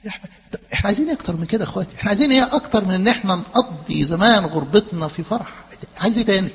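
Egyptian male preacher, quick and husky, lively sermon with rhetorical questions, dull reverberant hall sound. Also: high voice. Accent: Egyptian Arabic.

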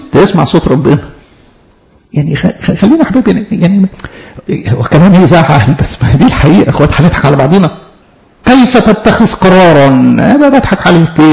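Animated Egyptian preacher man, gravelly voice. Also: fairly high pitch. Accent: Egyptian Arabic. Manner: animated, rhetorical questions, laughs often. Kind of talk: sermon. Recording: dull lo-fi sound.

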